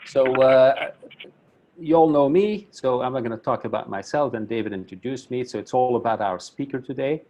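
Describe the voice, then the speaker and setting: An academic council chairman from Belgium, a Flemish speaker, introduces a speaker at a webinar over a video call, friendly and self-deprecating, often restarting his words. His mid-range voice is warm and moderately paced, though the recording is rough.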